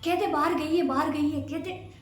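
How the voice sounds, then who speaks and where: A woman's voice: high-pitched, fairly even intonation, moderate pace, faint music behind. Woman voicing an old aunt on speakerphone. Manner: rambling, hesitant with fillers. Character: elderly aunt, talkative and pleading. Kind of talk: short film acting.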